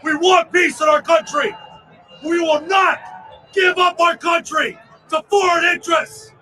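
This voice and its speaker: A man giving an impassioned protest speech at an outdoor rally, shouting slogans in short bursts as a rally speaker. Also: very high-pitched, steady tone, a little slow, faint music behind. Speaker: rally speaker, veterans' group organizer. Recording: distant outdoor recording with crowd noise. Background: crowd and street noise.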